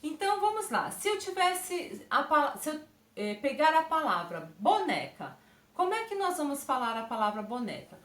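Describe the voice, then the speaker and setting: A woman's voice: sits high, big pitch swings, moderate pace, fairly bright tone, reverberant. A Brazilian woman teaching a recorded lesson to young children, using diminutives and checking in often with "ok?". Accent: Brazilian Portuguese. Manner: speaks to children with diminutives and frequent check-ins. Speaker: primary school teacher.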